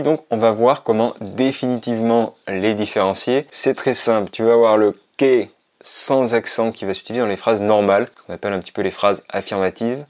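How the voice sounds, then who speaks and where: A man with a fairly low voice teaches a language lesson. He explains each point clearly and patiently and says every example sentence twice, slowly. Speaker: Spanish teacher. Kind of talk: scripted lesson to camera.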